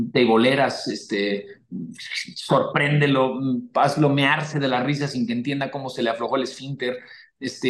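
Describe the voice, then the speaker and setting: A man giving blunt, profane motivational advice to a caller, forceful and animated. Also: medium pitch, reverberant. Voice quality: crude, swearing, forceful and animated.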